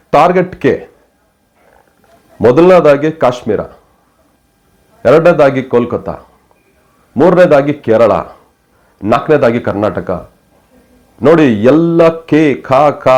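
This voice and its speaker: A news commentator delivers impassioned political commentary in a medium-pitched, darkish voice. He scolds his listeners with fiery rhetorical questions.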